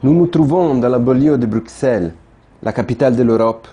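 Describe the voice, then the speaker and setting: A man narrating his own documentary in a measured, reflective voice-over. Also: medium pitch, mellow, a little hiss or hum. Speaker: filmmaker narrating his project.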